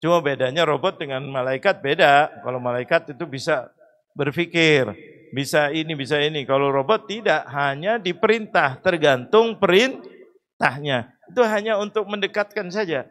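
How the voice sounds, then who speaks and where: Male mosque preacher with a fairly high voice. Lively sermon, asks and answers his own questions, chants verses. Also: moderate pace. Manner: lively, rising to loud emphatic cries; rhetorical questions answered himself.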